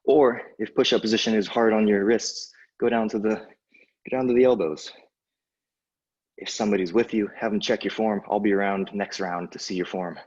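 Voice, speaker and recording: A man's voice: lowish voice, fairly even intonation, moderate pace, a little mellow, slightly rough, muffled recording. A man coaching a workout like an aerobics instructor, casually giving short encouraging cues and countdowns while exerting himself. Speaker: fitness instructor.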